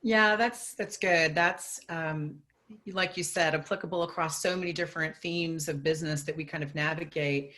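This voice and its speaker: A woman's voice: low-pitched, fairly even intonation, normal speed, a bit bright. A woman moderating a panel discussion, chatting and asking questions in a conversational way.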